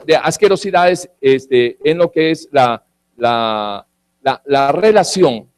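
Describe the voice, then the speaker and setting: A man's voice: on the high side, a little mellow, no room sound. A man preaching a sermon as pastor, blunt and emphatic, with frequent restarts and acted-out quotes.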